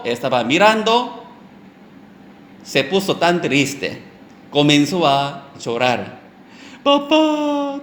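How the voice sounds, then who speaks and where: A man delivers a sermon as a story at a very slow, deliberate pace, breaking off with fillers and restarting his phrases. His voice sits a little high for a man. The recording rings with room echo over a faint background hiss. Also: a bit bright. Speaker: preacher.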